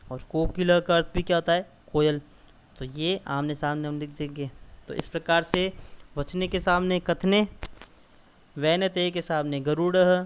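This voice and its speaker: Clear-voiced man teaching schoolchildren. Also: on the high side. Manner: patient, repetitive explaining, addresses children directly; reads quoted lines slowly and louder. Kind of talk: school lesson explaining textbook answers.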